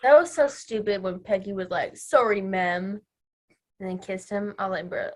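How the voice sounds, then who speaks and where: A woman's voice: mid-range voice, a little fast. A middle-aged woman talking casually about a film. Her comments are blunt and dry. She speaks plainly and directly. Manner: blunt, wry, dry remarks. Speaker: podcast guest, host's mother. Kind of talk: casual movie chat.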